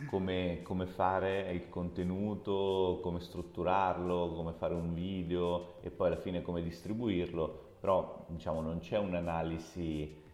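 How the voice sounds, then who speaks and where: A man, an author, answering interview questions in a reflective, measured way with a light touch of humor. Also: low-pitched, little pitch movement, darkish tone. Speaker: author and guest. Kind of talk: podcast interview. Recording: echoey room with long reverb.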